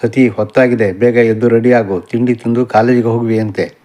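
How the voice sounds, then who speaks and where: A man voicing an anxious middle-aged mother in an audiobook novel, pleading and scolding softly. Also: mid-range voice, little pitch movement, fairly quick, close to an everyday voice.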